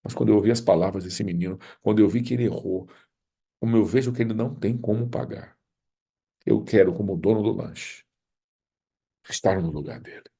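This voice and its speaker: Give me a man voicing an earnest schoolboy offering himself in his friend's place, dark and husky. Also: on the low side, a little fast, pauses often. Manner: earnest, imploring. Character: generous schoolboy offering to take the punishment.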